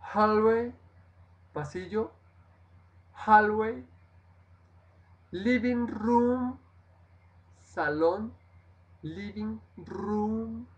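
Male language teacher, very slow and deliberate, drills words one by one on a live stream. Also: high-pitched, highs cut off. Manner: slow, repeats each word, switches between languages. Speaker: English teacher. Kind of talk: vocabulary lesson, livestream.

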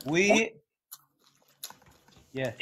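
Brief: young man on a phone live stream, slightly high voice, slow, repetitive pleas in broken English. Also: expressive, fairly bright tone, husky. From North Syria. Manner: repetitive, pleading, simple halting English. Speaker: livestreamer asking viewers for support. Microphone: phone in a live video call.

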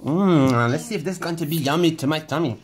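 A woman's voice: sits low, quick pace, noisy background. A woman hosting a playful candy unboxing, cooing and coaxing a child in a sing-song way. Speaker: candy unboxing channel host. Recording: crinkling candy wrappers and clicks.

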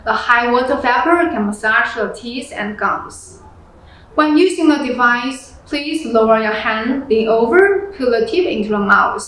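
A young woman presents a product review from a script, reading at a measured pace in a fairly high voice. Her delivery is plain and steady, with non-native phrasing. She's in a small indoor room with heavy echo and music playing behind her.

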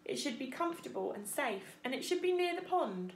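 A woman reader puts on a polite female robot from a storybook, high-pitched and gentle. The wording is formal and careful, earnest throughout, with a roomy echo. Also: sing-song, brisk.

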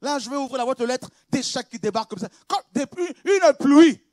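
A man preaching a sermon as pastor, swinging from quiet, conversational confiding to shouted exclamations, with laughs and repeated words. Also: extremely high pitch, expressive, a little fast, no room sound, studio quality.

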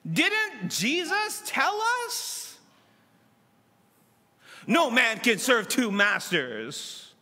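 A middle-aged man preaching a sermon from a church pulpit, acting out dialogue with dramatic swings between loud and soft. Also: very high voice, very slow, pauses often. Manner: dramatic, voices God and Moses in lively asides. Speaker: pastor. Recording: long church reverb.

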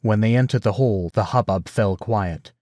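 A man narrating a bedtime story retelling in a measured, expressive way. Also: on the low side, no echo, clean studio sound.

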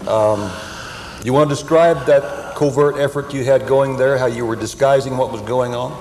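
Middle-aged male interviewer, mid-pitched, leading questions, echoey hall with faint hiss. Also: fairly even intonation, moderate pace, darkish tone. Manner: prompting, steering with leading questions. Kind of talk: onstage interview. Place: stage with armchairs and plants, indoors.

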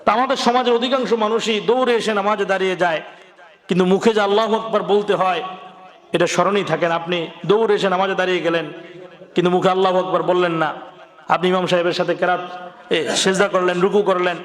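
Brief: high-pitched male preacher, questions the crowd, echoey hall. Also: steady tone, fast. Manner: asks the crowd questions, drops low on key warnings. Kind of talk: sermon.

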